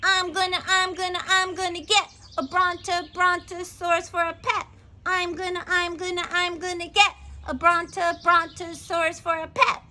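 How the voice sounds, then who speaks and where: A woman voicing a bold, stubborn little girl who chants a sing-song tune loudly. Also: extremely high pitch, level tone, moderate pace, slight background noise, pitched above the performer's own voice, exaggerated voice.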